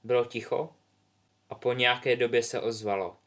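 A man narrating a story in a calm, measured reading voice. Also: mid-range voice. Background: soft music.

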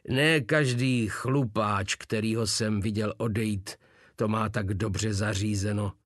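A man voicing a bitter, weary male legionnaire who talks slowly with a sneer, in a storybook reading. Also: lowish voice, fairly even intonation, a bit bright, dry recording, studio quality.

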